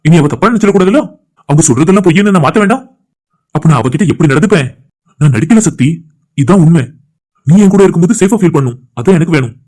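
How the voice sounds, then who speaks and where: A man voicing a lovesick young village man in a cartoon, speaking a soft, sincere inner monologue. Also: on the high side, expressive, fast, long pauses. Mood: longing. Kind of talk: cartoon voice acting.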